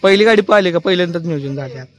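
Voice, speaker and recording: A man working as a field reporter, firing off brisk, repetitive questions at a bullock cart race and echoing back the answers. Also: high voice. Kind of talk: quick roadside interviews.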